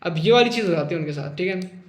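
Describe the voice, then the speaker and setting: A man with a fairly high voice walks viewers through trading charts in a casual, joking tone. He keeps checking in with his listeners as he goes. The sound has a noticeable room echo. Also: animated, quick pace. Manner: chatty, constantly checks in with "okay" and calls listeners "brother"; jokey, teasing about losing traders. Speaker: trading instructor. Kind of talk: casual screen-share chart lesson.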